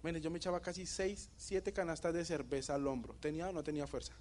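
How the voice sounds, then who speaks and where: A young man with a Bogotá Colombian Spanish accent, giving a motivational talk and telling a story with animated energy, often asking the audience questions. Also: on the high side, fast talker, slight background noise. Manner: animated storytelling, asks the audience questions, laughs at his own jokes. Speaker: motivational speaker.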